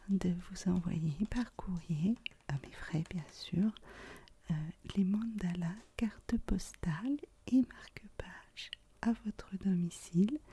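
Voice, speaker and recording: A woman hosts ASMR in a soft, very breathy whisper, as if right in your ear. Her delivery is slow and unhurried. The tone is dark and mellow, with hardly any voicing. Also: lowish voice. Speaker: ASMR video host. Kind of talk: whispered ASMR, speaking to viewers.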